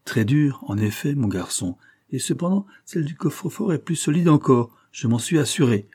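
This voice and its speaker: Storybook detective, commanding, measured, pitched up from the reader's own, husky, read by a man. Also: animated, darkish tone. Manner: measured, authoritative, instructive. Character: celebrated police detective, calm, commanding, dry.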